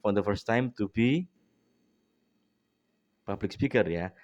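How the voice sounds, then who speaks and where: A man's voice: fairly low pitch, lively intonation, takes it slowly, a little mellow, no echo, lo-fi sound. A man with an Indonesian accent giving a bilingual speaking lesson, mixing Indonesian and English, tagging lines with "ya", and speaking with a runny nose. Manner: mixes Indonesian and English, frequent tag "ya". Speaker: English teacher.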